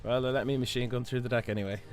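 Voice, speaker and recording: A hoarse Irish man with his voice stuck low, chatting casually while live-streaming a game, rambling with lots of fillers and restarts. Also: steady tone, fast talker, soft background music. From Ireland. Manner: rambling, many fillers and restarts, chuckles often.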